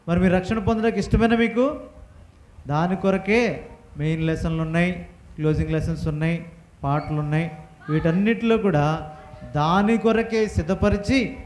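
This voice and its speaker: A man teaching a Bible lesson to children, firing questions at the class and having them repeat answers loudly. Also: on the high side, slight background noise. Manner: quizzing the class with rapid questions. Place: church hall with children. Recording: echoey hall.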